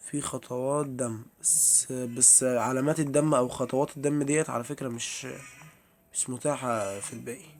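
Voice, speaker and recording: Over slight background noise, a young man with an Egyptian Arabic accent speaks in a medium-pitched voice while playing a horror game. As a streamer, he chats freely with his viewers and scares easily.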